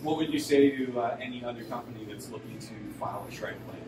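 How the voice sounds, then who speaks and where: A middle-aged man, interviewing a guest with brisk, friendly questions. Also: medium pitch. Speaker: interviewer, tax credit consultant. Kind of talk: casual interview. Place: brewery taproom with concrete block walls. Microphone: camera mic from a few meters away. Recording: echoey room, distant mic, background noise.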